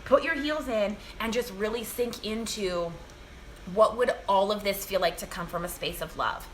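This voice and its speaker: Gentle woman giving a spiritual reading. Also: medium pitch, normal speed, a little hiss or hum. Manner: gentle, repetitive, with many fillers and restarts. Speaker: spiritual reader. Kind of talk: live channeled reading. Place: home.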